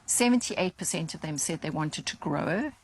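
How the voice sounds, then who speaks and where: Lowish-voiced woman, explaining as guest. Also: lively intonation, normal speed, a little hiss or hum, poor audio. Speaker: interview guest presenting research findings. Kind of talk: explanatory interview talk.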